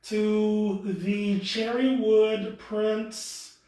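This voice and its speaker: A man's voice: sits high, little pitch movement, extremely slow, dark tone. A man speaking casually as a tour guide, showing visitors around. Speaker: exhibit tour guide and co-curator. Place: indoor art gallery. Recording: echoey indoor room.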